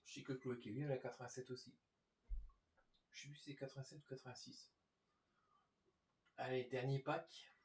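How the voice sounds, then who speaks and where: A man's voice: mid-range voice, little pitch movement, moderate pace, long pauses. A man giving casual, informal game commentary, talking directly to his viewers as host. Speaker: gaming video host. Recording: roomy echo.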